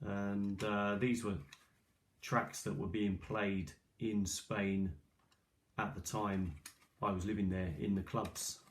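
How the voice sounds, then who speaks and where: A middle-aged video maker with a fairly low, level voice speaks slowly as he shows old cassette tapes at a kitchen table. His casual talk is hesitant and rambling, as if thinking aloud. He was recorded on an ageing iPad's built-in microphone, so the audio is clearly noisy and clicky.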